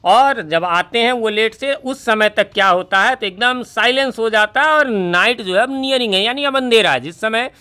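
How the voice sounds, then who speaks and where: A man teaching who explains a poem line by line, reading the words slowly, then asking and answering his own questions. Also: high voice, pushed and bright, clean tone. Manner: explains slowly, reads English lines word by word. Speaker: English teacher.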